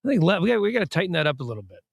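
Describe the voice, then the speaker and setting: Bantering male host, slightly high, dry. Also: sing-song, vocal fry, breathy edge, no echo. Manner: quick banter, teasing co-host. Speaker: show host. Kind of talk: live draft reaction chat. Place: arena media room.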